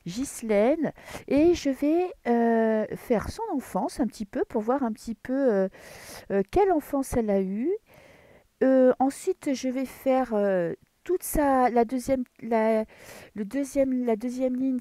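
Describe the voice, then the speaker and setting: Reading tarot in a dim room at home early in the morning, a French-accented woman chats and rambles, full of fillers and restarts. Her voice is a little high with a dark tone, and the recording has no room sound.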